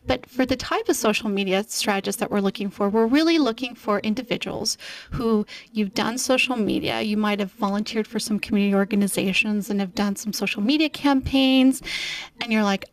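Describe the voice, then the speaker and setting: A woman guest on a local radio interview, explaining a program in earnest, long answers. Her voice sits at an ordinary middle pitch, and she pads her sentences with fillers as she thinks. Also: poor audio. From Portugal. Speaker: guest, nonprofit program coordinator.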